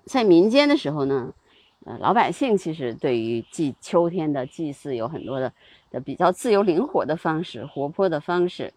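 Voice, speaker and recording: Woman, casual host, husky, lively pitch, lower voice. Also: moderate pace, no echo. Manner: chatty, many fillers and small laughs. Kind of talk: casual spoken talk on seasonal customs.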